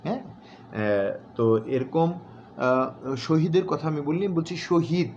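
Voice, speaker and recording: A man's voice: on the high side, expressive, mellow. A man teaches pronunciation, saying each example word again and again with care. His speech is broken by hesitant filler sounds. The recording is dull and slightly noisy. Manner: repeats example words slowly and deliberately, with many filler sounds. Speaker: recitation and newsreading instructor. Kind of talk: pronunciation lesson.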